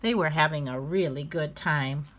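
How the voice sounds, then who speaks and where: A woman reading a children's storybook aloud, expressive and lively. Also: deep voice, normal speed, slight background noise. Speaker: storybook reader.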